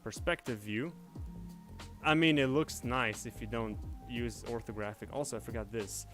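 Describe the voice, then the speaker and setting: A young man from Indonesia chats casually as he works, muttering each step half to himself at an ordinary middle pitch. He speaks from a room at home. Faint music plays underneath his voice. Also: fairly even intonation, normal speed, fairly bright tone. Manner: thinks aloud, muttering steps as he works. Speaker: livestreaming 3D artist. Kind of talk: casual livestream narration while working. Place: home room shared with family.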